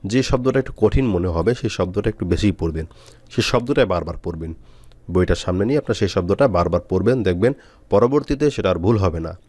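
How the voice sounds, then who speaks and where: A man teaching Quran reading, spelling out letters and syllables slowly with frequent pauses. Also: low voice, expressive, a little mellow, dry recording. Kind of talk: step-by-step spelling lesson.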